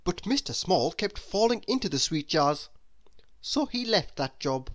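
A narrator reads a storybook aloud for children in a medium-pitched voice that rises and falls freely. The delivery is expressive but stays measured.

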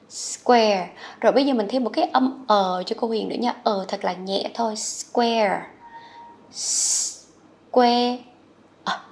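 A woman from Vietnam teaching English vocabulary to children, patient and coaxing, spelling words out slowly and repeating them. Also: medium pitch, gravelly. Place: HCMC.

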